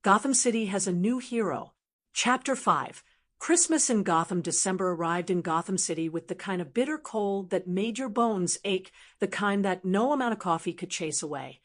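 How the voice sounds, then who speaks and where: A woman's voice: mid-range voice, moderate pace. A woman reading a first-person story aloud in a wry, cynical tone. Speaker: narrator. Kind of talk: first-person audiobook narration.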